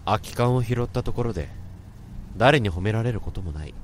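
In a lightly acted radio drama, a man narrates and plays the lead, a remorseful office worker who can hear others' thoughts, questioning himself in a reflective, introspective way. His voice is on the low side with lively intonation and a slightly fast pace, over slight background noise.

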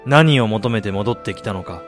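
Speaking over music in a lowish, animated voice close to his everyday one, an actor voices a weary, disillusioned man back in his dying hometown. His moderate-paced radio drama narration and dialogue are first-person, brooding, resigned, and self-deprecating.

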